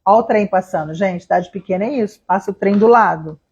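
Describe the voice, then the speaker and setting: A middle-aged woman teaching English spelling to camera, chatty, checking in with "tá?" and "né?" and slowing down to spell letter by letter. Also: medium pitch, a little mellow. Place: small town near a railway. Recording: dull lo-fi sound.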